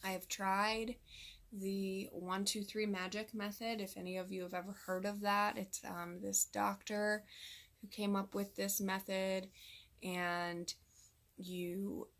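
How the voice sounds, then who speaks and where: A thirtyish mom vlogger speaks directly to the camera, venting candidly and with obvious exasperation. Her voice is mid-range and fairly bright in tone.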